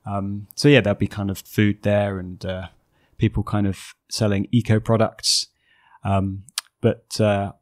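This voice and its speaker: Man, podcast host, casual chat, low pitch, halting delivery. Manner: hesitant, lots of fillers.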